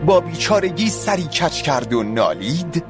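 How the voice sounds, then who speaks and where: A man narrating a story in an expressive, dramatic audiobook style. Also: a little high, over music.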